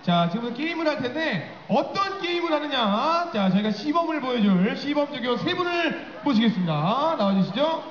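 A man hosting party games at a fan event, calling out cues loudly and chanting. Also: extremely high pitch, sing-song. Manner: loud, repeated cues and quick chanting. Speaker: event emcee. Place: university event hall. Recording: echoey, dull fan recording with crowd noise.

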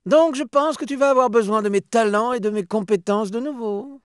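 A man's voice: very high voice, a little fast, smooth, dry recording, studio quality. A man voicing a cocky, upbeat young male cheetah hunter in a video game, with a breezy, boastful, chummy manner. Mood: cocky, teasing. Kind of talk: video game character voice acting in French.

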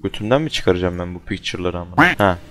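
A young man with a fairly low voice talks through a horror game at his computer. He keeps up casual, jumpy commentary, swearing freely and yelping when something startles him. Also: lively intonation, fast talker, pushed and bright, slight background noise. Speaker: gaming channel host.

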